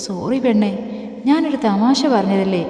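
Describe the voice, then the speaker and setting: A woman's voice: medium pitch, expressive, normal speed, mellow, natural voice. A woman voicing a teasing, affectionate young man in a love story, reading in a roomy, echoey space. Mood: tender. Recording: echoey room with long reverb.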